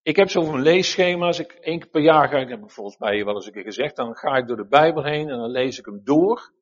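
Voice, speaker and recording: A man preaching a sermon in an earnest, animated way, often restarting his sentences. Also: on the high side, lo-fi sound.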